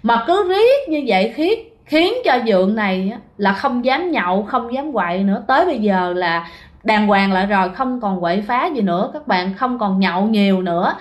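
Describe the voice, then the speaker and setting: A woman's voice: medium pitch, lively intonation, normal speed. A woman with a Southern Vietnamese accent telling a ghost story in a casual, chatty way, often speaking straight to her listeners. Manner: chatty, keeps addressing listeners directly.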